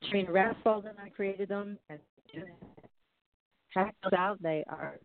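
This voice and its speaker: A woman's voice: mid-range voice, unhurried. A woman hosting a radio show, making announcements in an informal, effusive, conversational way. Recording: dry, narrow phone-like sound.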